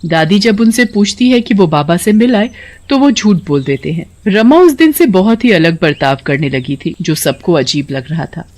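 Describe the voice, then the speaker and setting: A woman narrating a cartoon horror story in an even, plain storytelling way. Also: on the low side, moderate pace.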